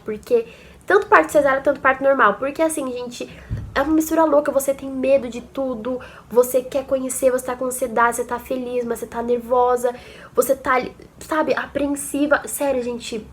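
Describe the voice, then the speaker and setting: A young woman with a Brazilian accent tells a personal story to her viewers in a chatty, emotional way, often calling out to them. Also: high voice. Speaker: vlogger. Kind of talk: casual personal storytelling to camera.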